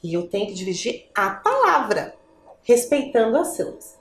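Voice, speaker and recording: A woman's voice: fairly high pitch, very animated, normal speed, roomy sound. A woman teacher with a Brazilian Portuguese accent, giving a patient lesson to children and asking the viewer questions.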